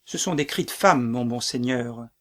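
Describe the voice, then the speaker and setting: A man's voice: mid-range voice, normal speed, natural voice. A man reading the part of a loyal male servant officer, grave and deferential.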